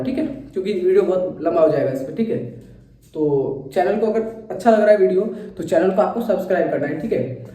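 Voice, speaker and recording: A man's voice: high voice, mellow, recorded from a distance. Chatty male maths teacher in an echoey room. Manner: chatty, checks in with "theek hai" often. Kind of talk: explaining a maths exam solution.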